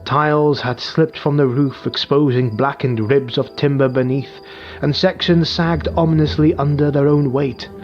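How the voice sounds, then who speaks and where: Reading dark fantasy for an audiobook, a male narrator keeps a steady, measured pace and a somber tone at a middle pitch. Quiet music runs beneath him, and the sound is somewhat dull and muffled.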